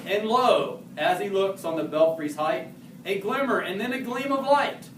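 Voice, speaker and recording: Taking the role of a historical horseman, an amateur reader recites a narrative poem in a high-pitched voice with lively intonation and no hurry. He stumbles on difficult words now and then and fixes them. The mic is distant, the sound roomy, with faint noise behind.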